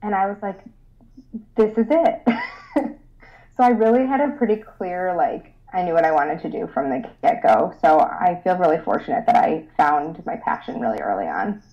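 Young woman, from Rochester, bubbly, eager guest, lower voice, dull lo-fi recording. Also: huge pitch swings, moderate pace. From Rochester, New York. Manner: bubbly, eager, laughs often. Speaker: guest designer. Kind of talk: casual interview. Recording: dull lo-fi sound.

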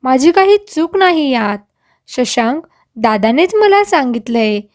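A woman's voice: sits high, expressive, measured pace, darkish tone, dry recording, studio quality. A woman playing a childlike young man. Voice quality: pleading, childlike.

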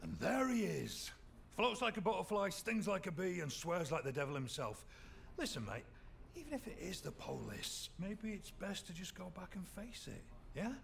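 An actor playing a kindly, devout middle-aged oil rig cook in a video game, jovial and gently chiding. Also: male voice, sits high, wildly swooping pitch, moderate pace, creaky, slight background noise, heavily acted. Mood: gentle concern.

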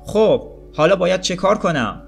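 A man's voice: sits high, creaky, soft background music, voice pushed up, exaggerated voice. A man doing an eager little sick boy. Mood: curious. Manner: eager, excited, questioning.

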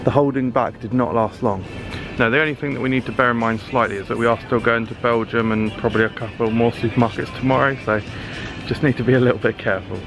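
A UK food vlogger, male and British, talks fast in a mid-range voice with fairly even intonation, giving casual commentary while he shops. He chats curiously about products on the shelves in the big aisles of an indoor supermarket. Music runs in the background.

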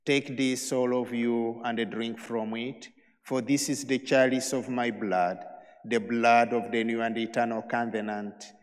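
A man, a priest, intoning the prayers of Mass in a solemn, measured way, with a cathedral echo around his voice. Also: medium pitch, fairly even intonation. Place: large church. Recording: long church reverb.

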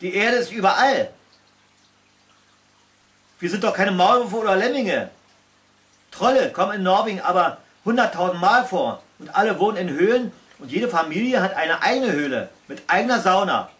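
A man's voice: high-pitched, normal speed. A man voicing a spirited, mocking female reindeer in a storybook reading. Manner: mocking, lively.

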